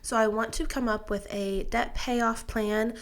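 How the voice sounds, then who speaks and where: Speaking to camera, a woman in her 20s explains her finances in casual, chatty detail, working step by step with fillers and restarts. She is a personal finance vlogger, and a sinus infection leaves her sounding congested. Her voice is on the high side, steady and a little slow.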